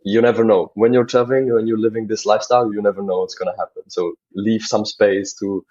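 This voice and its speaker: A young man from the Czech Republic talks as a podcast guest, earnest and rambling. His voice sits a bit low and sounds husky. The audio comes through dull and lo-fi. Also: flat delivery, quick pace, a little mellow. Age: 20s. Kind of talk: casual interview talk.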